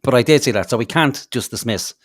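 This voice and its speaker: A man's voice: medium pitch, animated, fast, no room sound, clean studio sound. A man, co-hosting a podcast, telling rambling stories in casual chat with lots of fillers, restarts and swearing. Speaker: podcast co-host.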